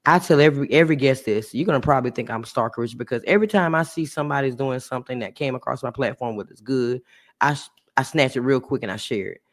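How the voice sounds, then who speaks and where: A woman hosting a podcast, chatting warmly and casually with a guest and her listeners, laughing often. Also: a bass voice, fast talker. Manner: animated, laughs often, talks to listeners as y'all. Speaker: podcast host. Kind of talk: casual heartfelt chat.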